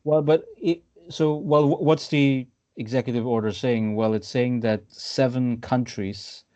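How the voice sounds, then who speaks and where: A man from Austria in his thirties hosting a podcast, discussing politics casually over a video call and pausing often with fillers and restarts. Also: medium pitch, steady tone, dark tone. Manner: hesitant, many fillers and restarts. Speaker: podcast host. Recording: dull lo-fi video call audio.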